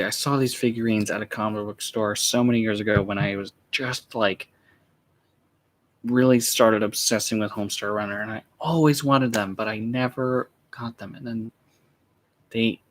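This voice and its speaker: A young man chats quietly about his collection in a laid-back, rambling way. He speaks at an ordinary middle pitch and trails into fillers and asides. The talk stays relaxed and conversational. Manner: keeps his voice down. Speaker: vlogger. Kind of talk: casual unboxing chat. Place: room at home with shelves.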